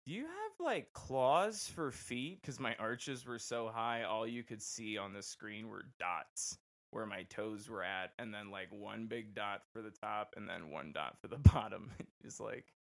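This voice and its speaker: A young man casually telling a personal story on a podcast, animated and quick to act out the people he quotes. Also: gravelly. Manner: animated, acts out quoted voices with big pitch jumps. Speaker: podcast host.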